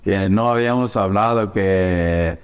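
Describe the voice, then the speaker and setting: A man's voice: deep voice, unhurried, smooth, long reverb tail. A man, a pastor from the United States, telling his personal testimony in an earnest, emotional way.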